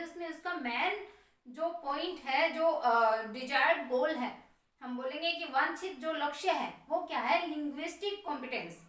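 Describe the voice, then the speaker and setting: A woman's voice: high-pitched, fairly bright tone. A woman teaching a class, explaining a lesson and answering her own questions while writing on the board. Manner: writes on a board while speaking. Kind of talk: classroom lecture. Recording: very echoey room, far from mic.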